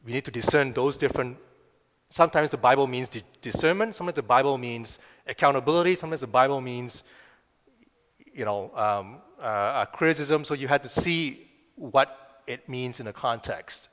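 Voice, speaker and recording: Male pastor, mid pitch, relaxed conversational sermon, long room reverb. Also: moderate pace. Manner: conversational, asks the crowd "right?" often.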